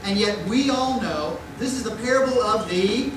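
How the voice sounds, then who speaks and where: A middle-aged male pastor preaches from the pulpit in a chatty, questioning way, slipping into mock voices. His fairly high voice rings through a big echoey sanctuary, caught from far off with steady background noise. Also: normal speed. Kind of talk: sermon. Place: church sanctuary. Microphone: far room mic at a pulpit.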